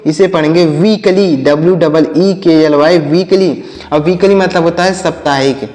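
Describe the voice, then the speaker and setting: A man with a fairly high voice teaches English words to children, spelling each one out letter by letter and asking them to repeat it. The sound is roomy and carries a long echo. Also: steady tone, moderate pace, a little mellow. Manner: calls the children and asks them questions. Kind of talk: spelling and vocabulary lesson for children. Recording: echoey room with long reverb.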